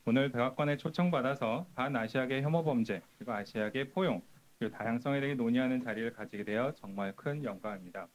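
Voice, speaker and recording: A man's voice: mid-range voice, racing. A man working as an interpreter, relaying statements in a formal, orderly way at an official event.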